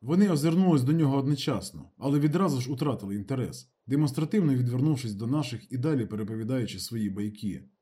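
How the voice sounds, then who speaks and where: A man narrating a literary audiobook in a lively, expressive reading. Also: medium pitch, fast, hardly any pauses, breathy edge.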